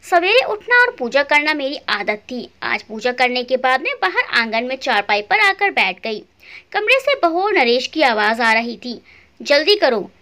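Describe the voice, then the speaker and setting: A woman's voice: high voice, bright, forceful tone. A woman telling a scripted first-person family story in an emotional, plaintive way.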